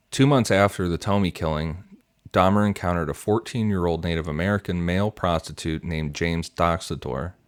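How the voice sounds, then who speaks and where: A man's voice: low voice, normal speed, smooth, no room sound. A man co-hosting a podcast, reading prepared notes aloud steadily and matter-of-factly into a close microphone. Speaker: podcast co-host and researcher.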